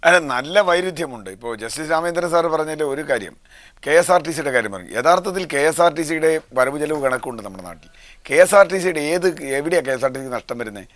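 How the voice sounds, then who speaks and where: A man's voice: a little high, animated, fast, a bit bright, no room sound. A man arguing his point as a guest on a televised panel discussion. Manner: argumentative, rebutting.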